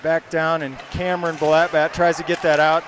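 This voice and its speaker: A man calling live hockey play-by-play, quickly naming each pass and shot. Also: fairly high pitch, level tone, noisy background. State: hiccups. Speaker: play-by-play commentator.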